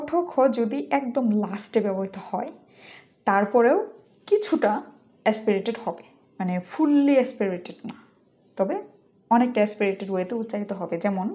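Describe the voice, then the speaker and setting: A woman's voice: medium pitch, mellow. A woman with a Bangladeshi accent teaching English pronunciation, stretching out and exaggerating each model word. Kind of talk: pronunciation lesson.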